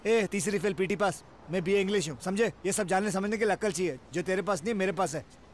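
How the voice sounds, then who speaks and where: A man's voice: high-pitched, brisk, slight background noise, natural voice. An actor playing a boastful young know-it-all in a comedy film who mocks and scolds his partner. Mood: mocking. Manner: mocking, bossy, scolding.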